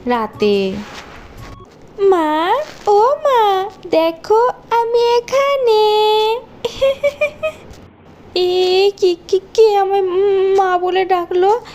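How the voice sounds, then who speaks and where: A woman narrating a cartoon story in a plain, even storytelling tone. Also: very high voice, drawn-out words, long pauses, slight background noise. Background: faint background music.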